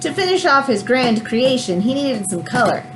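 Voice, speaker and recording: A woman reads a children's book aloud in an expressive, teacherly way, pausing for explanatory asides. Her voice is on the high side and her pace moderate, with a noisy background.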